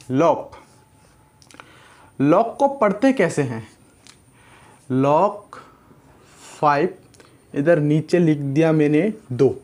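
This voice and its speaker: A man's voice: high voice, a little mellow. A young man teaching a casual whiteboard lesson in a chatty big-brother tone, repeating words to drill them in. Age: young adult. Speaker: physics tutor.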